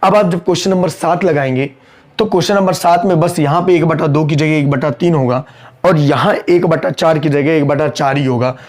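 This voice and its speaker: In this online accountancy class, a man with a slightly high, slightly mellow voice teaches in Hindi sprinkled with English terms. He works through sums aloud and scolds his students, his throat sore and strained. His manner is brisk and scolding, and he repeats the key lines.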